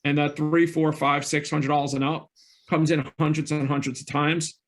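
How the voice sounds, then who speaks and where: This guest, a middle-aged real estate investor on an interview show, speaks at normal speed in a fairly high, level voice. Recounting his own experiences earnestly and candidly, he keeps restarting sentences and correcting himself.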